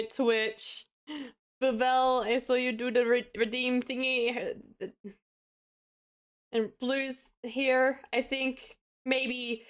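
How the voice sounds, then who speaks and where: Chatty higher-voiced woman streamer. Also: fairly bright tone. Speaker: live streamer. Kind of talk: casual chat while gaming.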